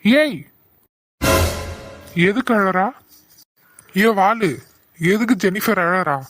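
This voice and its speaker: A stern young lecturer. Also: male voice, high voice, drawn-out words, music in the background. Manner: firm, questioning. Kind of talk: cartoon voice acting.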